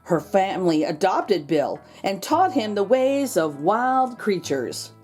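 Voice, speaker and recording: A woman's voice: mid-range voice, big pitch swings, slow pace, darkish tone, faint music behind. A woman reading a children's picture book aloud expressively, drawing out key words for emphasis. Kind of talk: expressive storybook read-aloud.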